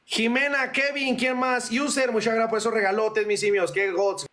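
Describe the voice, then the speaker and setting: A man's voice: very high voice, flat delivery, normal speed, a bit bright. A young Mexican man chatting casually on a livestream, slangy and thanking viewers for gifts. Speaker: streamer.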